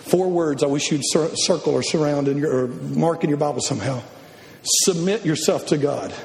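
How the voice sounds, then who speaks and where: A man preaching a sermon to missionaries, animated, with shouted bursts and acted-out voices. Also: a little high, moderate pace, vocal fry. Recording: echoey hall.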